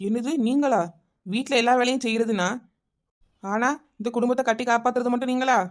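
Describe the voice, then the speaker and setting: Sharp-tongued young wife, as a woman plays her, quick, slightly high voice, comic skit. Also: fairly even intonation, natural voice. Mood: defiant. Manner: teasing, rapid, defiant. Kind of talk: comic village skit acting.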